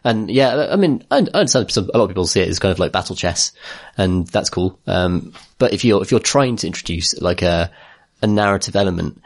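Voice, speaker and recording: A man co-hosting a casual chat, talking quickly with stumbling restarts and easy laughter. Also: low voice, animated. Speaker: podcast co-host.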